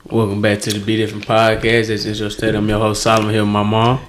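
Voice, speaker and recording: A young man hosting a sports podcast in a relaxed, casual way, often ending his sentences with "man". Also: fairly low pitch, fast talker, a little hiss or hum. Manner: laid-back, tags sentences with "man". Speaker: podcast host.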